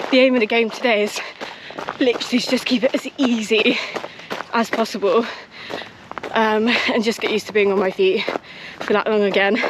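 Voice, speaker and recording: Young British woman chatting while running, noisy outdoors. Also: mid-range voice. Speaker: running vlogger. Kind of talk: casual chat to camera. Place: outdoors on a frosty countryside trail. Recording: noisy outdoor audio with clicks.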